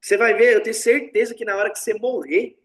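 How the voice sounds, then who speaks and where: A man with a fairly high voice gives a spiritual talk on tantra. He speaks bluntly and casually, with slang and swearing, and keeps acting out the voices of the people he quotes. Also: steady tone, quick pace. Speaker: tantra teacher.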